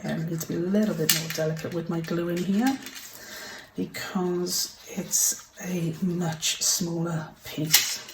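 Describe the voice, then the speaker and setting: Slow, soft-spoken woman crafting. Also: fairly low pitch, noisy background. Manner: chatty, apologetic, drifts into half-whispers. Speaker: craft tutorial host. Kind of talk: casual crafting tutorial. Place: home craft desk. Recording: roomy, mic set far off, kitchen clatter behind.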